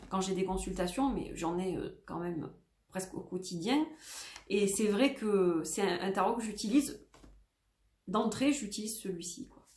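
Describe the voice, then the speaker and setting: Chatty French woman in an echoey room. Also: medium pitch. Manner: chatty, rambling with many fillers and self-corrections. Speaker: tarot vlogger. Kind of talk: casual chat showing tarot decks.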